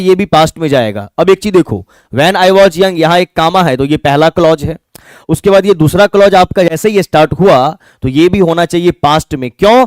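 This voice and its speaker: High-voiced man teaching English. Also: no room sound, clean studio sound. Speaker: English teacher for exam prep. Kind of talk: classroom lecture.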